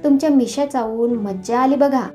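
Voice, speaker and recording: Woman voicing a cheeky brave little mouse, teasing and mocking, high and mellow, faint music. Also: normal speed, lightly acted. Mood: taunting.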